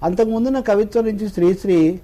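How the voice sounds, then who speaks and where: A man with a high but dark, mellow voice, speaking as a guest scholar in a studio discussion. He builds his points as lists, pauses to recite lines of verse, and keeps an explanatory, lecturing tone throughout.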